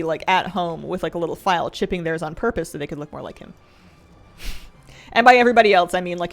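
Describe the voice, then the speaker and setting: A woman's voice: fairly low pitch, vocal fry. A woman livestreaming a game, chatting casually and playfully with viewers and musing aloud as she plays. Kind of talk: casual livestream chat with viewers while gaming.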